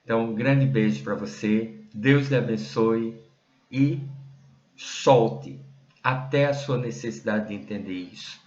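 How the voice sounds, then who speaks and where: A man's voice: fairly low pitch, a little slow, darkish tone. A man teaching a meditation method straight to the viewer, conversational and full of tag questions. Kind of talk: direct-to-viewer teaching talk. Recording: roomy, dull lo-fi sound.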